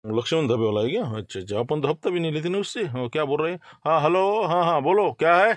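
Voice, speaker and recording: A man's voice: fairly high pitch, lively intonation, quick pace, natural voice. A man playing a menacing, swaggering local extortion racketeer in a comic sketch. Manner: menacing, swaggering street talk.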